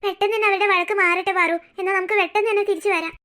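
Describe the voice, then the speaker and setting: A woman's voice: very high voice, fairly even intonation, very fast, bright, forceful tone. A woman voicing a caring teenage older sister in a cartoon, reassuring her younger sibling. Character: earnest teenage girl, protective older sister. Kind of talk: cartoon voice acting.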